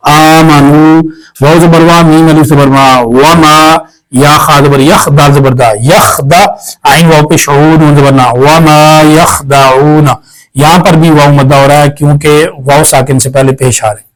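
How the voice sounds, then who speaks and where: A fairly high-voiced man with a Pakistani Urdu accent, teaching Quran recitation step by step. He spells out letters and vowel marks, stretches the sounds out slowly, then explains each rule in a quick, matter-of-fact way. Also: fairly even intonation, poor audio. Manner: slow drawn-out syllables when reciting, brisk when explaining.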